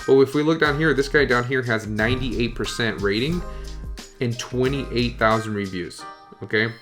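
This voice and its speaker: A man's voice: medium pitch, normal speed, fairly bright tone, soft background music. A man coaching online sellers in a casual screen-share tutorial, often checking in with "okay?" and "you guys".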